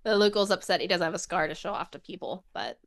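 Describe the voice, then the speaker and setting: A young woman co-hosts a podcast, retelling a book's plot in a casual discussion with a hesitant, giggly manner and plenty of filler. Her fairly low voice is creaky and expressive, and she talks quickly.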